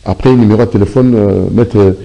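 A man's voice: on the low side, steady tone, brisk, vocal fry, dull audio, background noise. Hesitant man hosting an interview. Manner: hesitant, with many fillers. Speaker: interview host.

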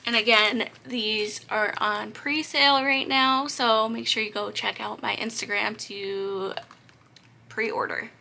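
A woman's voice: mid-range voice, fairly even intonation, slow, vocal fry, pushed and bright, slight background noise. A young woman with a slightly cracking voice chats casually as she counts cash aloud for a budgeting vlog. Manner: chatty, counts bills aloud, light laughs. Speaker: budgeting vlogger.

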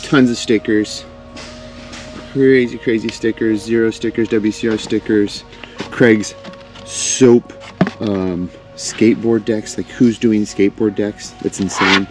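A man's voice: lowish voice, fairly even intonation, takes it slowly, over music. A man in his thirties hosting a casual, upbeat walk-through tour of a large warehouse on a lapel mic. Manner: upbeat, enthusiastic. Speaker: vlog host.

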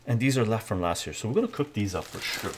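An older man streaming live from his home kitchen, talking in a soft-spoken, relaxed way, reading viewer comments aloud and often ending with "right?". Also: lowish voice, fast, very noisy. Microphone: webcam framing at the counter.

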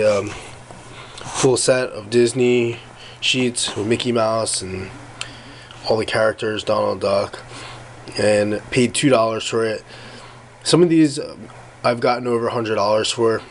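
A man's voice: mid-range voice, rough recording. A man with an everyday mid-range voice talks through his flea market haul in a loose, rambling vlog style, stopping for fillers and correcting himself as he goes. He films the items up close on a home camera mic, and a faint hiss sits under his voice. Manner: relaxed, rambling, many fillers and self-corrections. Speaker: flea market reseller showing finds.

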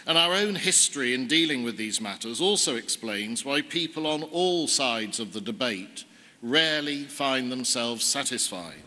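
A man, a bishop, giving a measured formal address to a synod in a large hall. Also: medium pitch, animated, pushed and bright. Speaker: bishop presenting a report. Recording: long hall reverb.

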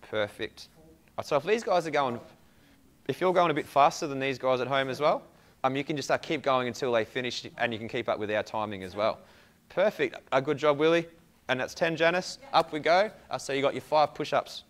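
In an indoor room with a whiteboard and hard floor, a young Australian fitness coach guides a home workout with short commands and upbeat praise. His voice is mid-range and a bit bright, and he speaks a little fast.

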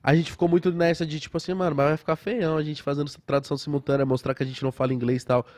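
A man telling stories as a podcast guest in casual chat, animated and full of slang. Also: a little high, very fast, no echo, clean studio sound. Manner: animated storyteller, heavy slang.

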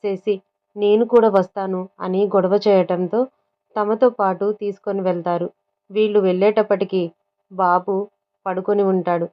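A woman's voice: mid-range voice, level tone, moderate pace. A woman narrating a serialized story and reading every character's lines in much the same voice. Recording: dull lo-fi sound.

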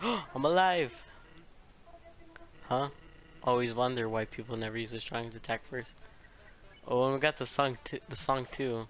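A man's voice: mid-range voice, level tone, normal speed, a bit bright. A man giving casual, exclamatory gameplay commentary as a streamer, chatting and reacting to what happens. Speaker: video game streamer. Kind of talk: casual gameplay commentary with dialogue read aloud.

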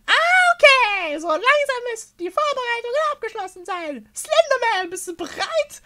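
A woman's voice: very high-pitched, sing-song, normal speed, bright, forceful tone, full character voice. A woman voicing a bubbly, cute young anime streamer and gym leader from a video game, with a showy, hyper manner. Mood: excited. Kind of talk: dubbing video game dialogue.

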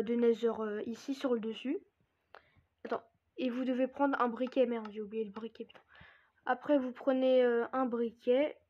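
A woman giving a casual gameplay tutorial, hesitant with many fillers and frequent swearing. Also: high-pitched. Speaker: gaming YouTuber. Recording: dull lo-fi recording.

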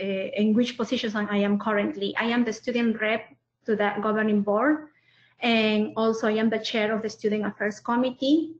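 Introducing herself as a webinar panelist, a Peruvian woman speaks in a flat, medium-pitched voice, hesitating and leaning on fillers. The video-call audio comes through muffled, in a roomy-sounding space.

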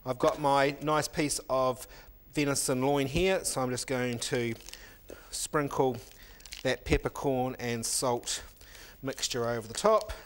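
A middle-aged man walks through a recipe as a cooking instructor, speaking in a steady, even explaining voice while he works. His pitch sits in an ordinary middle range. He is recorded on a lapel mic in an indoor teaching kitchen, with faint noise underneath. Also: slow. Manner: steady step-by-step explaining while working, with filler ums. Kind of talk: cooking demonstration.

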